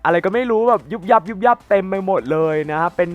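A man's voice: high-pitched, quick pace, muffled recording, faint music behind. A young man with a slight cold, chatting casually to his viewers while playing a game and wandering off into rambling asides. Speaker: gaming YouTuber. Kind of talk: casual gameplay commentary.

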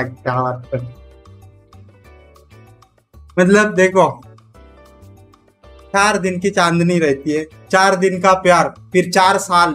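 A man's voice: high voice, fairly bright tone. Joking streamer guy. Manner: joking, rambling, reads out donations. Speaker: live streamer. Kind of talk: casual live-stream chat.

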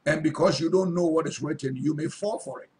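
A male pastor delivers a sermon in a brisk, somewhat high voice with a darkish tone. He reads Bible verses aloud, then repeats and stresses them, frequently asking his listeners whether they're listening.

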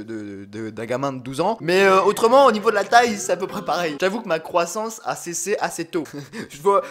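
A man's voice: a little high, fairly bright tone. A young man in his twenties, a YouTuber, chatting to the viewer in a joking, self-mocking way while standing at his desk. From southern France. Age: 20s. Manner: joking, playful, talks straight to the viewer; records standing, bent over his desk. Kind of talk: casual self-deprecating vlog chat.

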